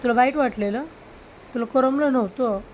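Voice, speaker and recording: A woman gently coaxing and questioning a small child at home. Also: a little high, normal speed, lo-fi sound, slight background noise. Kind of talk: talking softly to a small child.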